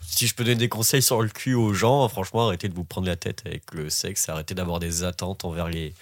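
A man's voice: sits low, steady tone, fast. A man chatting casually as a podcast guest, rambling through a story with many fillers. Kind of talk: casual chat.

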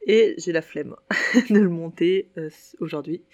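A woman's voice: fairly low pitch, unhurried, muffled recording. A woman hosting a podcast, talking casually in a chatty commentary with frequent fillers, a little tired. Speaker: podcast host.

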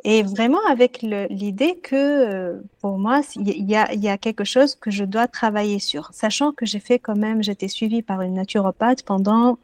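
A woman speaking as a guest in a relaxed interview, recounting her own story in an earnest, reflective way. She often pauses and restarts as she searches for her words. Her voice sits at a medium pitch and is recorded dry, with no room sound. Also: dry recording. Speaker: podcast guest, music therapist. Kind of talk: casual personal storytelling in an interview.

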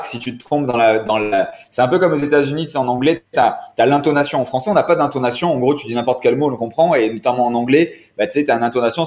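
Man, podcast guest, casual rambling chat, middle pitch, roomy echo. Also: a little mellow. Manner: rambling, chatty, many restarts. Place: apartment room. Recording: echoey room sound.

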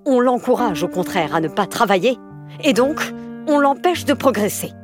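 A woman voicing a school headmistress who speaks in a measured, reproachful way. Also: a little high, very animated, over music, pitched above the performer's own voice. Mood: stern.

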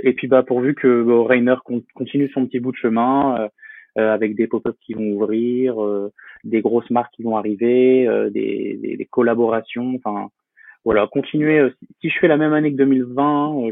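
Young male guest, halting and filler-heavy, on a tinny dry call line. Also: medium pitch, fairly even intonation, vocal fry, no room sound. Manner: hesitant, many fillers and restarts. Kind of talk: casual interview talk.

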